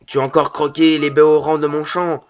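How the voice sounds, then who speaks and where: A man's voice: a little high, little pitch movement, brisk, a little hiss or hum, close to an everyday voice. A man doing a scolding old grandpa. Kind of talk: let's play voice acting.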